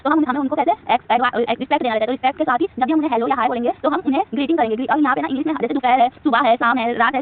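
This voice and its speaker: Woman, Indian accent, high voice, very quick, quizzing and repeating, thin phone-like sound. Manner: asks and answers her own questions, repeats words. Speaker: English teacher. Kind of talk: whiteboard lesson. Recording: tinny lo-fi phone-like recording with faint hiss.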